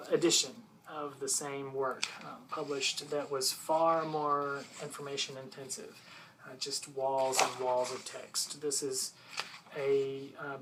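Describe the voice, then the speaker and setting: A person doing an ASMR role-play as a patient, bookish librarian, softly and hesitantly explaining books to a visitor in a unhurried library soft voice. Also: mid-range voice, noisy background. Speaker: librarian showing gardening books.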